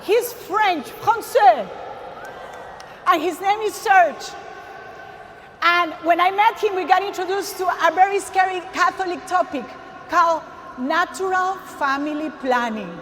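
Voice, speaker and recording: A woman's voice: very high voice, a little slow, fairly bright tone, a little hiss or hum. A woman from Costa Rica with a Costa Rican Spanish accent, giving an emphatic faith testimony to a large audience, calling out to the crowd. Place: large arena stage. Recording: long hall reverb, faint ambience.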